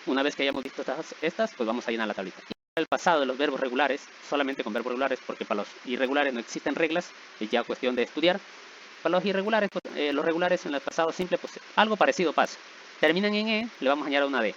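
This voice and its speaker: Animated and quick, with a slightly bright, high-leaning, mid-range voice, this English teacher patiently explains grammar rules. After each step he checks in with "¿verdad?" or "¿sí?", over slightly dull audio carrying a faint hiss.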